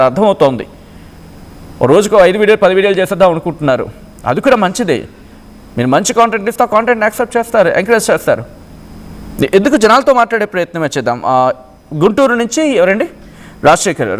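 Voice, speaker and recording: A male news anchor hosting a live phone-in show, speaking in a measured, questioning way. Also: high voice, sing-song.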